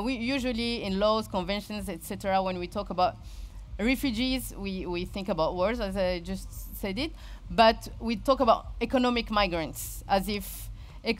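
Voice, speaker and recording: A woman with a Moroccan accent giving an informal talk, haltingly searching for words and often repeating herself. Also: medium pitch, a little hiss or hum. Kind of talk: informal spoken presentation.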